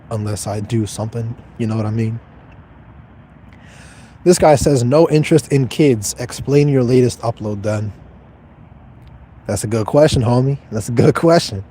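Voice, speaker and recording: Mellow-voiced young man, blunt and offhand. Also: mid-range voice, normal speed, pauses often, a little hiss or hum. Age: 20s. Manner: blunt, profane, detached and offhand. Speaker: livestreamer reading chat. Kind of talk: casual livestream chat.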